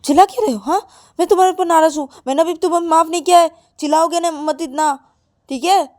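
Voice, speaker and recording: A woman's voice: on the high side, normal speed, warm tone, no room sound, natural voice. A woman storyteller voicing a young woman who teases and scolds her partner, in a close, dry recording. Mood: teasing. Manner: teasing, scolding, then coaxing. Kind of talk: storyteller acting out dialogue.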